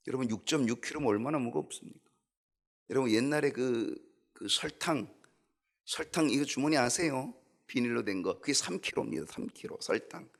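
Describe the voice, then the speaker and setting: A male pastor delivers a sermon in a church sanctuary with a bright, forceful voice. His pitch leaps and falls in a lively way, rising to loud, pressing emphasis and then dropping to quiet asides. He talks straight to the congregation and acts out short quotes as he goes. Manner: animated preaching, swings from loud to hushed, acts out quotes.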